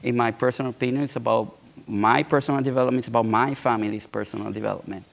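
Fast and steady, this mid-range male voice has some vocal fry. He's a Puerto Rican entrepreneur in his forties, a guest at a fireside chat on a big auditorium stage, speaking conversationally with frequent restarts and repeated words.

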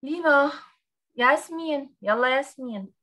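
Lady english teacher, kinda high voice, slow careful letter by letter drilling. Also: animated, sharp tone. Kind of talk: online class teaching.

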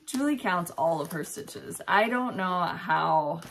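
A woman co-hosting a cross-stitch video show, chatting casually and running through a list of giveaway prizes, upbeat and quick to laugh. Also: fairly low pitch, animated, vocal fry, a crowd in the background. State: out of breath.

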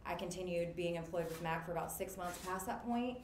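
With a fairly low voice and a fairly quick pace, this guest, a makeup artist business owner in her thirties, chats through her career story on a video call panel. She's talkative, laughs easily and uses lots of fillers, and the indoor webcam audio is roomy and noisy.

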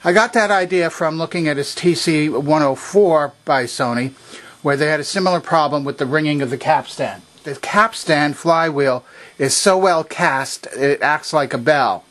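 An older man with a fairly high, somewhat bright voice speaks at normal speed while demonstrating a hands-on repair at an indoor workbench. He presents a vintage electronics repair video, narrating casually and unscripted, step by methodical step.

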